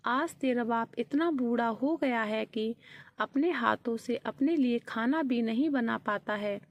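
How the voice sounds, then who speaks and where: A woman's voice: a little high, a little slow, muffled recording. A woman reading the lines of a grieving old village father in a storybook narration, pleading through tears. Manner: tearful pleading read-aloud.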